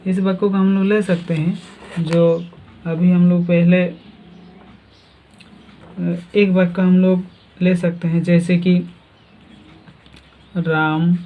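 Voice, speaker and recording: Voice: medium pitch, level tone, slow, long pauses, dark tone. A teacher giving a grammar lesson, asking questions and then answering them. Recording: tinny phone-like sound.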